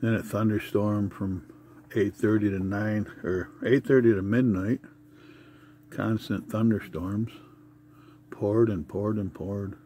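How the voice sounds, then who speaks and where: Sitting in his camper as it rains outside, a man speaks into a handheld phone for a casual camping video diary. His voice is mellow and on the low side, his manner plain and matter-of-fact, with slight background noise in the recording.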